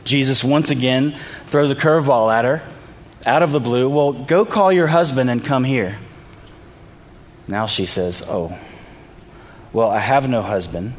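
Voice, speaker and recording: A man's voice: medium pitch, a little slow, pauses often. Guy giving a sermon, chatty storytelling, long echo, a bit of room hiss. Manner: conversational storytelling, acts out quoted voices. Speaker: pastor. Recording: reverberant hall, faint ambience.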